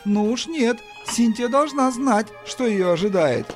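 A man's voice: extremely high pitch, lively intonation, unhurried, soft background music, voice pushed up. A man reading the part of a stern, disapproving older aunt in an audiobook, lecturing her nephew.

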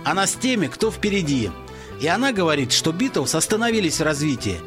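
A man voicing a tipsy, brash young male rock musician who talks loud and cocky. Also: on the high side, sing-song, a little fast, music in the background. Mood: defiant.

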